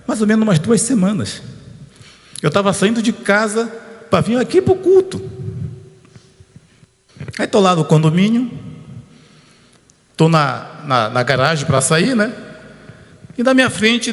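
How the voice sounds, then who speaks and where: A pastor preaching an informal sermon at a church service, telling a personal story and calling out to the congregation. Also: male voice, sits high. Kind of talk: conversational sermon. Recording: long church hall reverb.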